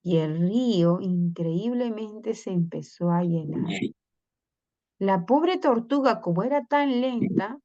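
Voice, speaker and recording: A woman's voice: medium pitch, animated, warm tone, highs cut off. A woman teacher with a Peruvian Spanish accent, giving a classroom lesson on story structure and asking the class questions. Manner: slow, questioning, acts out story voices.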